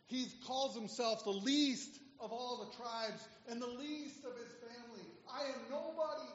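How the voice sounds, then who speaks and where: Preacher with a high voice in an echoing hall. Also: male voice, measured pace, husky. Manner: emphatic preaching with wide swings in loudness. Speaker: pastor. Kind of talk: sermon. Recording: dull lo-fi sound in a reverberant hall.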